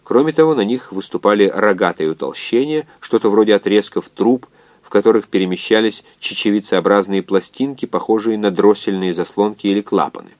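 A man narrating a science fiction novel in an expressive, measured reading. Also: fairly low pitch, dry recording. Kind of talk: scripted audiobook narration.

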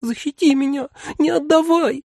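A man voicing a tiny, childlike creature hiding in a mannequin, wailing and pleading in terror with a shrill, high squeal. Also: moderate pace, gravelly, warm tone, no room sound, studio quality. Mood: terrified pleading.

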